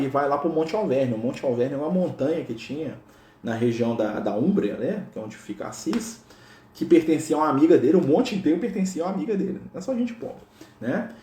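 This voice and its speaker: A man's voice: fairly high pitch, expressive, brisk, a little mellow. Chatty Brazilian man telling a religious story. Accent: Brazilian Portuguese. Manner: chatty, with frequent tag questions. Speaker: spiritual speaker. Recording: roomy echo.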